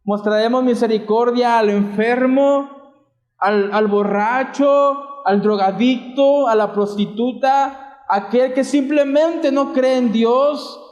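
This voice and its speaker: High-voiced Mexican preacher, echoey church. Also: male voice, slow, a little mellow, dull audio. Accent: Mexican Spanish. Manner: preaching with rhetorical questions, retelling scripture in everyday terms. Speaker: pastor. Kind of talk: sermon.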